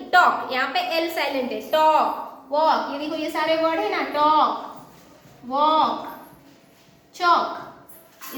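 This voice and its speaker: Teacher lady, really high voice, drags out her words, classroom echo everywhere. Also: a bit bright. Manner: slow, drawn-out English lines, brisk Hindi explanations; has the class repeat words after her, sings short rhymes. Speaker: school teacher. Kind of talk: online English lesson in Hindi and English. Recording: very echoey room, faint hiss.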